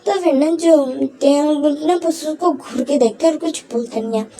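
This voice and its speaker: With a high, mellow voice at a moderate pace, a woman tells a fan fiction story in a relaxed way. She leans on fillers and gives each quote a brief voice of its own; the recording quality is rough.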